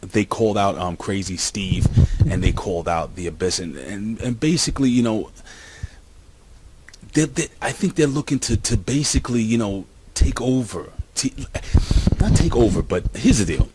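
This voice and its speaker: A man casually reviewing a wrestling show for his viewers, rambling and excitable, talking straight to the camera. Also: lowish voice, normal speed, noisy background.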